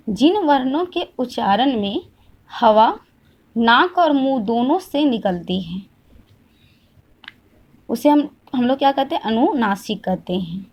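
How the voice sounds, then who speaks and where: A woman teaching a Hindi grammar lesson. She asks the class questions, answers them herself and repeats each point slowly. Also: on the high side, a little mellow.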